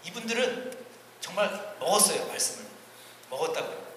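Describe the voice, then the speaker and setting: A fairly high-voiced male pastor delivers a teaching sermon in a large church hall. He is earnest, pushing phrases up with force and then dropping into quiet asides. The recording is very reverberant, with a long hall tail and steady background hiss. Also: moderate pace. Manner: earnest, swinging between emphatic rises and quiet asides. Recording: echoey hall, distant ambient noise.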